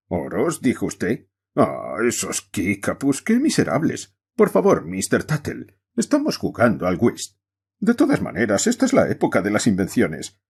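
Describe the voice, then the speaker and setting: A man's voice: medium pitch, gravelly, a little mellow, breathy edge, voice pushed up, exaggerated voice. A man doing a rambling chatty widow. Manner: rambling, hops between topics. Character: chattering widow hostess at cards, scatterbrained.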